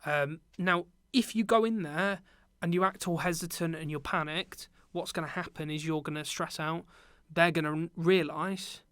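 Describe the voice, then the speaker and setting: Young british guy chatting on a podcast, crisp clear voice, lots of ums. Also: on the high side, moderate pace, hardly any pauses, no room sound. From Britain. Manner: relaxed storytelling with many ums. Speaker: podcast guest, teacher and business owner. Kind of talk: casual podcast chat.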